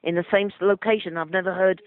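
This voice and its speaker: A man's voice: sits high, steady tone, fast, no room sound. An older man working as a travel agent, talking over the phone in a hesitant, flustered way with many fillers. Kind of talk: phone call. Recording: muffled dry phone line.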